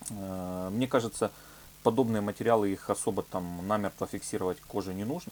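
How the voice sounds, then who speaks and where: A man with a low, slightly mellow voice leads an informal leathercraft workshop tutorial, demonstrating a product hands-on. He explains each step with hesitant wording and filler words, and the clear recording carries some background hum.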